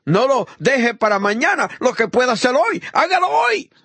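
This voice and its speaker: A man preaching a fervent sermon, swinging between loud high exhortation and low murmured praise, acting out the voices of the people in his story. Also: big pitch swings, normal speed, slightly rough, dry recording. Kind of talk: impassioned sermon.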